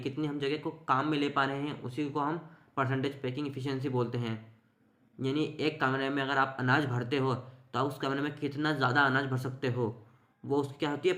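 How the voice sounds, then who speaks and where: A man's voice: mid-range voice, a bit bright, roomy sound. A man teaching an exam-focused chemistry lesson, explaining with everyday examples and mixing English terms.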